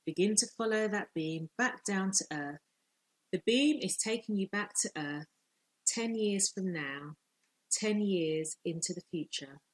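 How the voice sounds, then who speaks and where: A woman life coach leading a guided visualisation, speaking in slow, soothing, measured instructions with long pauses. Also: mid-range voice, poor audio.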